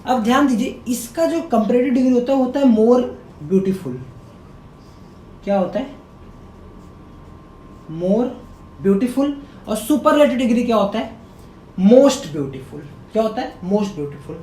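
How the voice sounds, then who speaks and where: A male teacher giving a grammar lesson, quizzing his viewers by repeating key words as questions and sounding words out slowly. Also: expressive, warm tone. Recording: echoey room with faint rumble.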